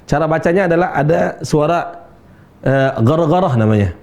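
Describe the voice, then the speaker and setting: This Quran teacher's voice is a little high and animated as he runs a tajwid lesson where students repeat after him. He slowly recites verses, models how each letter sounds, and encourages them gently between counts.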